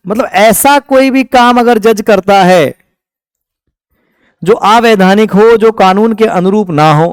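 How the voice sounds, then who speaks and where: A man from India gives an exam-prep lecture. His voice is high and smooth and sounds close and dry. He often turns a point into a question for the class and then answers it himself. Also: dry recording. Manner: asks the class questions and answers them himself, scolds a student. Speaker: teacher.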